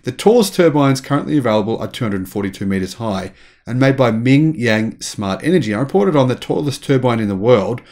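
A man, hosting an energetic news commentary in a small room at home and gesturing with his hands. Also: medium pitch, brisk. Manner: enthusiastic, animated, gestures with hands. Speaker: channel host.

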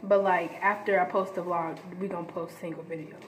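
A woman's voice: on the low side, steady tone, a little fast, reverberant. Teen girl vlogger, giggly, chatty, recorded on a phone with faint noise behind. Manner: giggly, talks over others. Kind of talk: casual chat. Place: outdoors near apartments.

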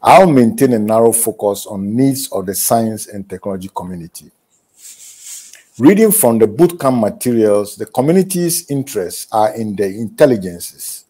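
A man, giving a prepared keynote speech in a measured, deliberate way from a home study over a video call. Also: lowish voice, lively intonation, dark tone, breathy edge. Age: 70s. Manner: measured, deliberate delivery with pauses. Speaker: keynote speaker. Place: home study with bookshelves, indoors. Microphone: earphone headset on a video call.

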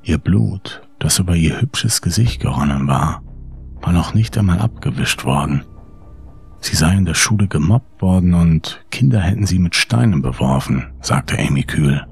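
Male horror audiobook narrator, deep and raspy, with a creaky edge and faint music behind. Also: a little mellow, no room sound.

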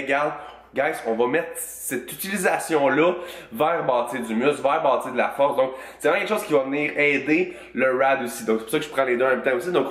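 A man with a Québécois accent from Quebec, a fitness coach chatting casually in a vlog, with relaxed slang and English words mixed in. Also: mid-range voice. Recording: roomy echo.

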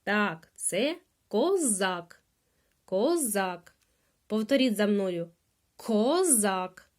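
A woman's voice: medium pitch, animated, drawn-out words. A woman with a Ukrainian accent teaching small children to hear the sounds in words, drawing out each sound and repeating every word. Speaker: preschool teacher. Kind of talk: slow phonics lesson for small children.

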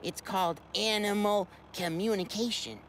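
A man voicing a curious, excitable young boy in a children's puppet show, eager and giggly. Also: high-pitched, moderate pace, slight background noise.

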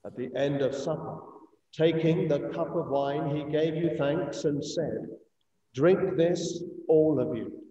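A middle-aged English-accented priest, his voice a little high and warm, recites the eucharistic prayer of a communion service with solemn, deliberate, measured phrasing. The audio comes from inside an echoey church via video call, picked up by a distant mic and muffled.

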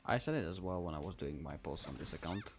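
With game music behind him, a Czech game streamer rambles in casual live commentary, thinking aloud as he plays in his Czech accent. He's a fast talker with a low-pitched voice and lively intonation.

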